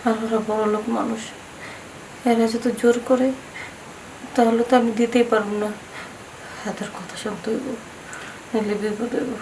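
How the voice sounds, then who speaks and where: A woman's voice: a little high, a little fast, lightly acted. An actress playing a worried village wife in debt, pleading politely with her lender. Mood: anxious. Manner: pleading, polite, addresses him as brother. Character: indebted village wife, anxious then defiant. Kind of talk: TV drama acting. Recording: distant mic with faint noise.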